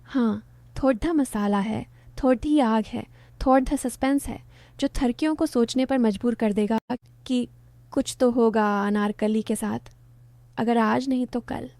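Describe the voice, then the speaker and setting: A woman's voice: on the high side, unhurried, mellow, no room sound. A woman narrating a first-person story in a playful, teasing storytelling manner.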